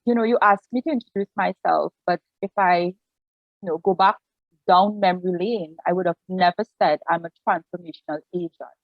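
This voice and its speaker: A Trinidadian woman in her forties, a pastor and family life counselor, earnestly tells her personal story as a guest in an online video-call interview. Her lowish voice moves a little fast and she often restarts sentences. The audio is lo-fi with no room sound.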